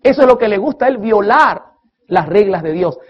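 A man's voice: sits high, lively intonation, a little fast, breathy edge. Emphatic male preacher, lo-fi. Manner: emphatic, asks the audience questions, counts beats aloud. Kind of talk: sermon lecture on music. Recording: dull lo-fi recording.

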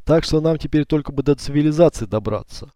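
A man voicing a calm, commanding gang leader in an audiobook, speaking curtly and sardonically. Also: a little high, quick pace, no room sound, clean studio sound, voice pushed up, natural voice. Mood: matter-of-fact. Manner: curt, sardonic. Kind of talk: audiobook character voice.

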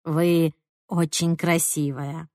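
A woman doing a timid old foreign man in an audiobook, pleading in slow halting words, voice dropped lower than her own, close dry sound with nothing around it. He sounds frail and unsure of every word. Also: steady tone, no echo. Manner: halting, timid, struggling with English. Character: pleading elderly thin bald foreign man.

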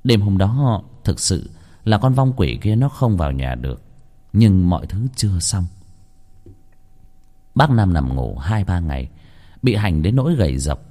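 A man narrating a ghost story in a measured, dramatic storytelling manner. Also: sits low, big pitch swings, warm tone. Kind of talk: scripted horror narration.

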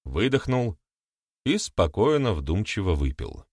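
Lively low-voiced male narrator. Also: measured pace, no room sound, studio quality. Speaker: audiobook narrator. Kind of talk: scripted narration.

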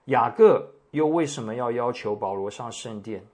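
Guy preaching, reads scripture slow and careful, pauses a lot. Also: mid-range voice, lively intonation, a little mellow. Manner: measured, deliberate reading with pauses and restarts. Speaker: pastor. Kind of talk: sermon with scripture reading. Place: church meeting room.

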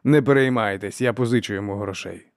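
A lazy young officer, offhand and relaxed, soft and unhurried, as a man reads him. Dry, close audiobook reading. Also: on the low side, no room sound, natural voice.

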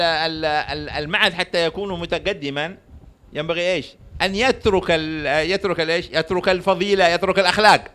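A man's voice: sits high, sharp tone. A man giving a sermon, telling jokes and stories and constantly asking his listeners rhetorical questions to prompt their answers. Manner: storytelling with jokes. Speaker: religious lecturer.

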